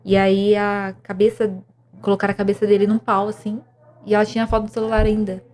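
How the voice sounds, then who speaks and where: A woman's voice: medium pitch, completely flat delivery, fast, a little mellow. A young woman, earnestly telling a personal story of faith and depression as a podcast guest, with many restarts. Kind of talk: emotional personal testimony.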